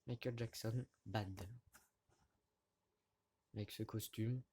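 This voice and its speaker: A man's voice: lowish voice, steady tone, darkish tone, breathy edge. Hesitant man showing his records. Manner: hesitant, halting with frequent fillers and restarts. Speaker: record collector vlogger. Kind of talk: casual show-and-tell of vinyl records. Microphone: camera mic at close range.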